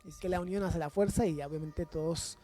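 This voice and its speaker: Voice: medium pitch, steady tone, a little fast, warm tone, soft background music. A co-host joining in on a talk show, reflective and thinking aloud. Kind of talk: casual talk-show chat.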